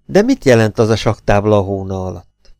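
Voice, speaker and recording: Man, audiobook narrator, expressive storytelling, gravelly voice, dry recording. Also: lowish voice, no room sound. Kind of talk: audiobook reading of a pulp novel.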